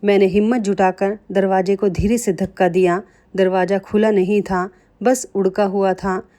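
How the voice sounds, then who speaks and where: Woman reading a dramatic family story, emotional, talks to the listeners directly, medium pitch. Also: fairly even intonation, moderate pace, warm tone. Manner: emotional, addresses listeners as friends. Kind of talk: dramatic first-person story narration.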